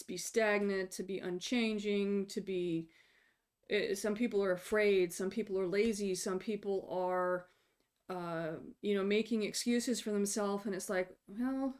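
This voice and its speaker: A woman's voice: mid-range voice, darkish tone. A woman giving an encouraging, casual tarot reading for an online video, often repeating short phrases for emphasis. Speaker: tarot reader.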